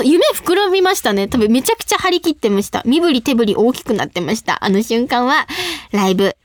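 Recorded in a radio studio with studio-quality sound and no room echo, a young host from Saitama, Japan, reads out listener mail. She has a high voice and a bubbly, giggly, animated storytelling style.

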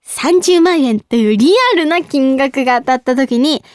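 A young woman hosting a casual radio talk show, reading listener mail with a bubbly, giggly, animated manner. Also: high voice, normal speed, dry recording, clean studio sound. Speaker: idol radio host.

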